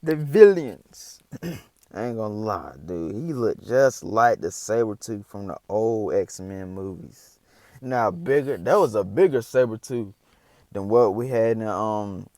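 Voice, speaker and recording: A man's voice: lowish voice, a little mellow, no room sound. A man chatting casually as a reaction host, slangy and rambling.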